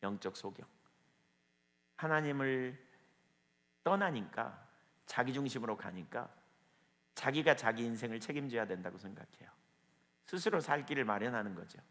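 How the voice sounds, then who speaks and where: A man's voice: mid-range voice, lively intonation, normal speed, pauses often, fairly bright tone. A male pastor delivers an evening sermon in an ordinary mid-range voice. He preaches emphatically and keeps challenging his small congregation with rhetorical questions. His voice trails into a long hall reverb. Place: church, evening prayer meeting with a small audience.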